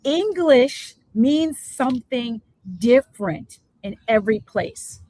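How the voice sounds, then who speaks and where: A woman's voice: fairly high pitch, animated, slow, warm tone, rough recording. A woman from the Bronx with a New Jersey accent, hosting a live talk show with emphatic, affirming remarks. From the Bronx, New York. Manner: emphatic, affirming, repeats key points. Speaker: host.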